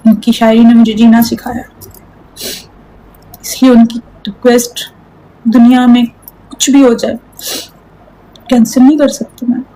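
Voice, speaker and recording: Earnest young woman with a soft dark voice. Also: on the high side, little pitch movement, measured pace, long pauses, poor audio. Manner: earnest, pleading, repeats herself. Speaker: TikTok live streamer. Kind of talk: emotional live-stream chat.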